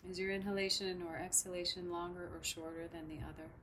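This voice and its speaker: A woman guiding a breathing meditation in a soft, soothing, unhurried way. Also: fairly low pitch, little pitch movement, a little hiss or hum. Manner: slow, soft, soothing instruction. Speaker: meditation guide. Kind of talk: guided meditation.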